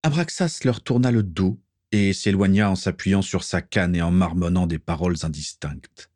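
A man narrating a story aloud in a steady, measured way. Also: deep voice, no echo, clean studio sound. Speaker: reader. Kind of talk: audiobook narration.

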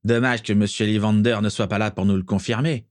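A man's voice: lowish voice, steady tone, fairly quick, no echo, studio quality, natural voice. A man doing a nervous henchman wizard.

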